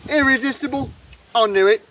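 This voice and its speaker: An actor playing a flustered gentleman stranger who is startled and then eager, answering in loud, short replies, recorded outdoors. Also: very high-pitched, fairly quick, distant mic. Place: outdoors on a farm. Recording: noisy outdoor stage recording from afar.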